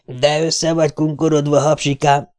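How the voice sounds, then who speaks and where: A man's voice: a little high, expressive, gravelly, voice pushed up. A man voicing a mocking, drunk young street thug. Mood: jeering. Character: greasy long-haired teen thug, jeering.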